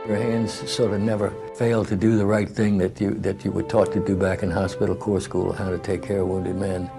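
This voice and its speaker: A gravelly, low-voiced older man explains what it was like to treat the wounded. He talks haltingly, restarting his words. Music plays behind him. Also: flat delivery. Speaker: former navy corpsman interviewee. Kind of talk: interview.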